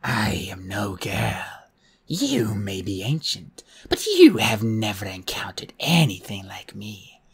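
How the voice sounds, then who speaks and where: A man voicing a possessed young girl who speaks in a slow, harsh, croaking whisper, as if an ancient power talks through her. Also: fairly low pitch, wildly swooping pitch, pitched below the performer's own voice, exaggerated voice. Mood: menacing. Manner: slow, menacing, hushed.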